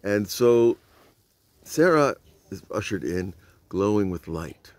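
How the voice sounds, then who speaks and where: An older rabbi with a lowish voice, animated but slow, gives an informal Torah lesson outdoors at night by old stone walls. Filmed on a phone at arm's length, he tells the story conversationally and asks his listeners rhetorical questions. The sound is dry and close, with little room echo.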